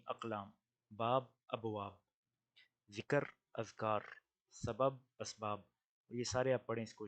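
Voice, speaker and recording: Male grammar teacher, native Urdu speaker, mid-pitched, patient, drills word pairs slowly. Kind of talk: recorded online lesson.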